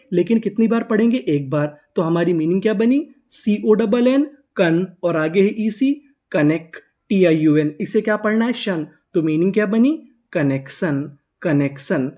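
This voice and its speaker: A man's voice: sits high, mellow. A man teaching English reading to Hindi-speaking students, spelling words out syllable by syllable and repeating each answer. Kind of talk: spelling-code lesson, drilling syllables.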